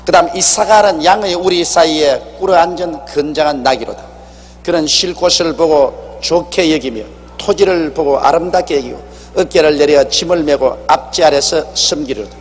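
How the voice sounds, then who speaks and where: A male pastor preaches in an animated, exhorting way and often acts out bits of dialogue. His voice sits high for a man. It is recorded in a church sanctuary with a long reverb and a faint hum underneath. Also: normal speed. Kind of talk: sermon. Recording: echoey hall with faint hum.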